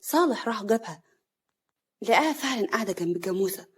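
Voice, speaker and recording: A woman with an Upper Egyptian accent narrating a dramatic story in a plain, steady manner. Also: medium pitch, very fast, slightly rough. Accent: Upper Egyptian Arabic.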